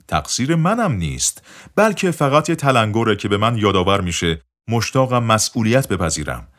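A man reading the lines of a calm, easygoing spiritual teacher in a relaxed, matter-of-fact way. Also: mid-range voice.

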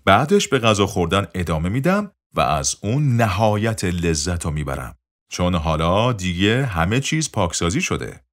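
A man reading the lines of a calm, easygoing spiritual teacher in a relaxed, matter-of-fact way. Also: low voice.

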